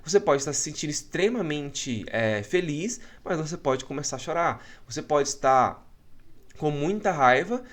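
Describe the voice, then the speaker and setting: A man's voice: on the high side, animated, moderate pace. A man from Brazil, giving an explanatory online psychology lecture from home and checking in with listeners after almost every point. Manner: frequent checking tags, explanatory.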